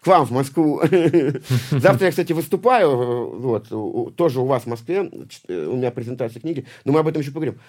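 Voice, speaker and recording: A man's voice: mid-range voice, fairly quick, darkish tone. A man in his late forties from St Petersburg, a guest talking casually in a rambling way, swearing a lot and repeating himself. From St Petersburg, Russia. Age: 40s. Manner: rambling, heavy swearing, many restarts and repeated words. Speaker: guest, punk poet and musician. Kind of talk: casual interview talk.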